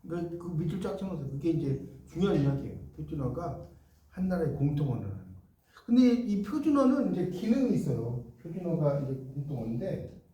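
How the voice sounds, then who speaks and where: A man's voice: fairly high pitch, big pitch swings, fairly quick, mellow, far from the mic. Man dictating a lecture in an echoey classroom. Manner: dictates notes, repeats key phrases, checks understanding with questions. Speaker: teacher. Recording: echoey room, voice from off-mic.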